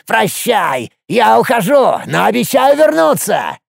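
A cowardly dwarf lord, whose creaky voice climbs high and shrill. He wheedles and bargains for his life, then squeals out insults. The sound is close and dry, with a gravelly edge. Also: very animated, a little slow, no room sound, exaggerated voice. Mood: gloating shrill. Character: panicky red-skinned male dwarf lord, cowardly.

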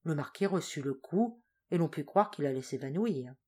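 Audiobook narrator, woman, slightly low voice, steady and expressive reading of a novel. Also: moderate pace, husky. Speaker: audiobook reader.

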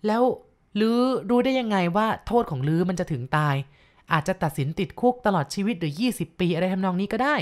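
A woman's voice: medium pitch, lively intonation, fairly quick, close to an everyday voice. A woman doing a blunt old police lieutenant. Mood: questioning. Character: seasoned male police lieutenant, calm and blunt.

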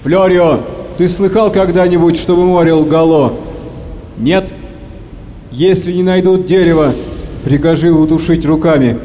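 A man's voice: fairly high pitch, measured pace, pauses often, a little hiss or hum, natural voice. An actor playing a furious, commanding male sea captain in an audio play reading. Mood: stern. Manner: shouting, stern. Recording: long hall reverb.

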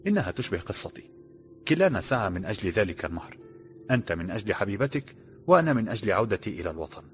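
A man's voice: lowish voice, sing-song, racing, faint music behind. A man voicing an anxious, sorrowful stranger far from home who talks in a pleading tone. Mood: sad. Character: stranded man from another land, anxious and sad.

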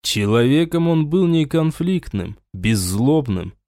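A man's voice: fairly high pitch, sing-song, a little mellow, dry recording. Man narrating an audiobook, dry. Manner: measured, dramatic. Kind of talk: scripted narration.

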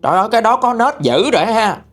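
A man's voice: high-pitched, lively intonation, fast talker, voice pushed up. A man playing a scolding old exorcist woman. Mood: mocking. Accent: Southern Vietnamese. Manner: scolding, sharp-tongued, mocking. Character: stern old female village exorcist. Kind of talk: storytelling.

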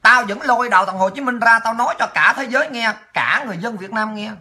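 A woman's voice: on the high side, quick pace, sharp tone. A woman hosting a political livestream, ranting angrily and taunting her critics with profanity. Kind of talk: angry ranting monologue.

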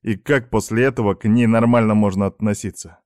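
A man reading a novel in first-person audiobook narration, even and measured. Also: fairly low pitch, no echo, clean studio sound.

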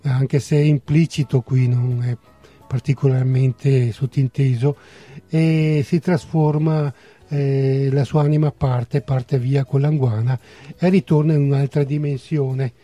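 A man on a TV talk show who explains a story hesitantly, with many pauses and fillers. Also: medium pitch, fairly even intonation, dark tone, faint music behind. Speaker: guest discussing a story.

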